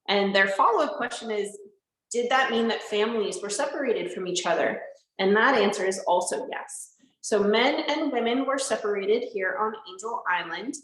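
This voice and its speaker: A woman park interpreter gives a live educational talk from inside a large historic barracks building, explaining things simply and answering viewers' questions. Her voice is mid-range, the room is reverberant, and the audio is poor.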